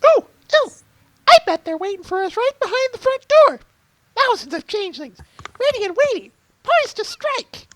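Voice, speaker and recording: A woman voicing a bubbly, hyper young pony girl, squealing and excited, in an amateur comic read-through. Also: very high voice, moderate pace, no echo.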